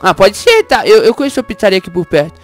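A quick, lively, slightly high voice for an excitable baby boy speedster hero, played by a woman, bossy and frantic, jumping into shrieks whenever something goes wrong. Faint background music runs under the Minecraft roleplay. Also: natural voice. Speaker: channel host.

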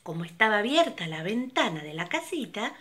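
An older woman telling a children's fairy tale slowly and very expressively, her pitch leaping around. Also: sing-song, bright, forceful tone. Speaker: storyteller. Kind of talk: storytelling for children.

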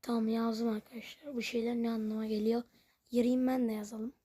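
A woman's voice: on the high side, flat delivery, fairly quick, mellow, breathy edge. A woman commenting on her own game as she plays, puzzled and rambling, and she keeps talking to her viewers. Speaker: gaming channel host. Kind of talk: Minecraft let's play commentary.

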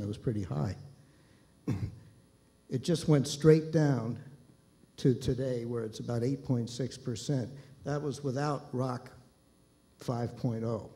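A man speaking as a panelist in a discussion on a library auditorium stage, measured and hesitant with fillers. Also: mid-range voice, gravelly, mellow.

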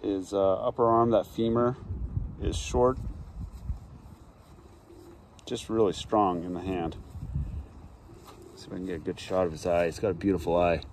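A man in his forties, a pigeon breeder, calmly showing birds in his backyard and talking in an unhurried, matter-of-fact way with frequent ums, recorded on a handheld phone. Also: low-pitched. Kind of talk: casual show-and-tell. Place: backyard outdoors. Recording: faint outdoor background noise.

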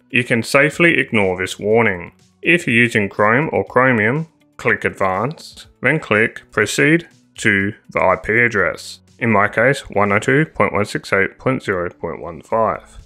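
A man narrating a scripted tech tutorial voice-over, spelling out commands slowly and deliberately. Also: on the low side, bright, forceful tone. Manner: slow, deliberate dictation of commands.

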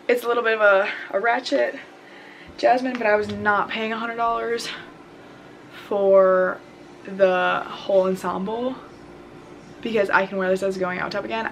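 A woman's voice: medium pitch, fairly bright tone, slight background noise. A young adult woman chatting casually to camera as a college student vlogger. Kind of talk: casual vlog chat. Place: small bedroom, indoors.

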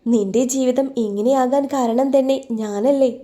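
A woman's voice: high-pitched, steady tone, moderate pace, mellow, close to an everyday voice. A woman voicing a young pregnant woman in an audio story who speaks in a remorseful, pleading way.

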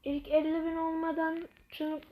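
A woman commenting on her own gameplay to her viewers, getting frustrated and excitable as she plays. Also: very high-pitched, unhurried, phone-quality sound. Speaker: gaming channel host.

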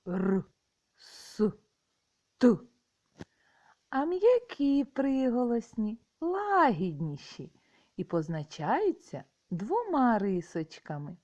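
A woman teaching young children a classroom lesson, patient and encouraging with drawn-out words. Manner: patient and encouraging, drawn-out with lively pitch swings. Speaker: primary school teacher. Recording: dull lo-fi recording.

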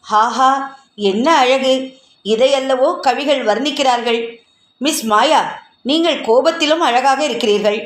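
A woman voicing a pompous man who pesters with gushing, theatrical flattery, in an echoey room. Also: sits high, a little slow, pauses often.

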